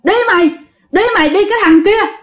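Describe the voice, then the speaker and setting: A woman playing a gruff old ghost man scolding. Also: very high voice, rapid-fire, voice pushed up. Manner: scolding, shouting threats.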